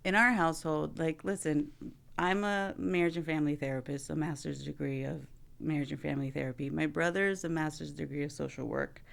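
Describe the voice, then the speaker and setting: A marriage and family therapist hosts a casual podcast conversation in a gravelly, low female voice. Her tone stays steady and her pace runs a little fast. She's chatty, says "like" a lot, and laughs often.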